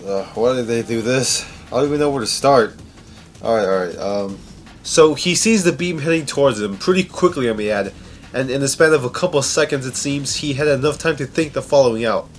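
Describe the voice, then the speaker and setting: He's a man with a mid-range voice and a fairly quick delivery, counting down video game scenes with casual sarcasm. He often reacts with disbelief and swears. There's music in the background.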